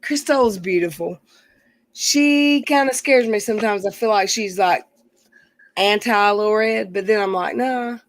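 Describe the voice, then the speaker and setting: A woman's voice: mid-range voice, unhurried, no echo, rough recording. A woman in her forties hosting a casual livestream chat, reading out viewer comments as she talks. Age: 40s. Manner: chatty, reads out viewer comments. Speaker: stream host. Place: outdoors near her house.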